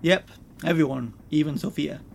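A man's voice: on the high side, moderate pace, gravelly, slight background noise. A man voicing a smug, slick corporate executive who talks in a breezy, condescending, amused way.

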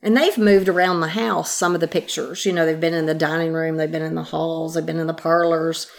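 A woman's voice: sits low, level tone, fairly quick, gravelly. An older woman speaking as a longtime house guide, recalling things carefully in conversation, recorded in an attic room. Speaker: longtime historic house guide being interviewed. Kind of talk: conversational reminiscence.

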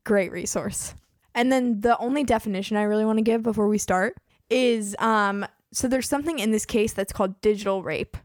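A woman in her twenties hosts a casual true-crime podcast, chatting away and sprinkling "like" everywhere while her voice frays as she loses it. Her mid-range voice moves a little fast with hardly any pauses, and the recording is dry with no room sound.

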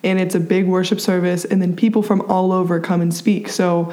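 An early-twenties college student from Pennsylvania appears as a podcast guest in a casual interview chat. She's bubbly, laughing easily and using many fillers, though her low-side, warm voice is fairly quick and flat in delivery.

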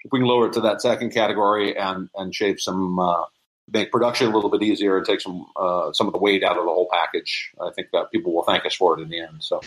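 Speaking quickly in a low, steady voice, a man who creates props and audio dramas explains things casually during an interview, often restarting sentences and repeating bits. The audio quality is poor.

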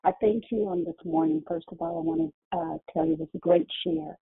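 A caller on a prayer line giving halting thanks, the voice muffled as if heard through a wall. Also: mid-range voice, fairly even intonation, breathy edge. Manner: halting, full of fillers. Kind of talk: casual testimony and thanks. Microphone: phone.

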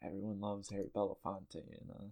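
Brief: male co-host, gravelly voice with some fry, relaxed chatty delivery. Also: fairly low pitch, fairly quick. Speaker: podcast co-host. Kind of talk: casual podcast chat.

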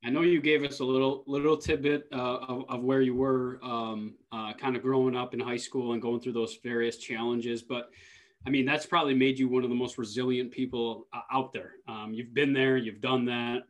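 A man interviewing in a casual, conversational way, feeling his way haltingly into each question. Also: medium pitch, flat delivery.

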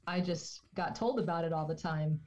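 A woman's voice: on the low side, normal speed, darkish tone. A woman talking as a podcast guest in casual conversation, chatty and laughing as she tells stories. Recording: dull lo-fi podcast audio.

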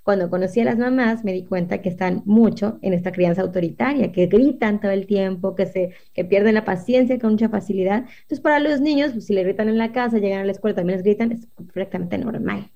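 A woman talks through parenting ideas in an earnest, explanatory way, checking that her listeners follow. Her voice is warm and mellow, with a dark tone. The recording sounds a little dull and lo-fi. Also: mid-range voice, quick pace, hardly any pauses. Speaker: parenting guest expert. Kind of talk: conversational explaining on a podcast.

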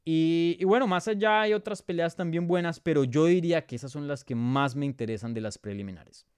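A man with a Bogotá Colombian accent, an MMA analyst hosting a casual live sports podcast, thinks aloud while previewing fights and replying to viewers. His voice sits on the high side, fairly quick, darkish yet clear and resonant, in clean studio sound without echo.

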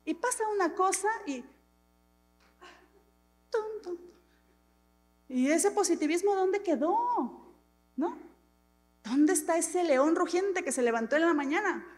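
A middle-aged woman pastor gives an animated, dramatic sermon full of self-mocking humor. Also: very high-pitched, normal speed, faint music behind. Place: church hall. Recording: long hall reverb.

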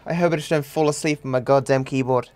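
A man's voice: medium pitch, fairly even intonation, fast, darkish tone. A man in his thirties hosting a casual podcast chat, rambling and swearing freely with frequent laughs. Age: 30s. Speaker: podcast host.

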